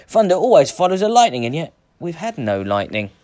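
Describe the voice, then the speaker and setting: A man's voice: a little high, big pitch swings, a little fast, a little mellow, no echo, pitched above the performer's own voice. Man reading as Erik the Viking, earnest leader. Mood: puzzled. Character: bold Viking leader, commanding young-hearted hero.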